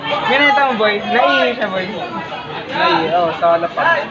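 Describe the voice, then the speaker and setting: Young male vlogger, high voice, teasing; dull audio, noisy crowd. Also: expressive, unhurried. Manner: teasing, keeps saying boy. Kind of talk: casual vlog banter.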